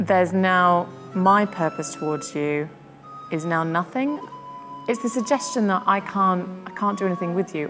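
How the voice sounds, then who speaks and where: Chatty woman host in a reverberant room. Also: fairly low pitch. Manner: chatty, thinking aloud with fillers. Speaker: podcast host. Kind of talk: casual discussion of poetry.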